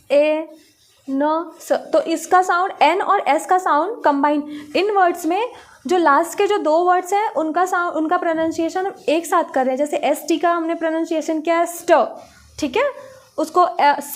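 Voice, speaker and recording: A woman's voice: extremely high pitch, normal speed. A woman with an Indian accent teaching phonics to young children in Hindi-mixed English, sounding out letters one at a time.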